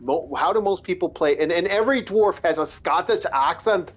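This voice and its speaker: Guy streaming a game, kinda high voice, rambly and sweary. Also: normal speed, breathy edge, muffled recording. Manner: rambling, restarts, swears freely. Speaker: gamer on a live stream. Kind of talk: casual chat while gaming.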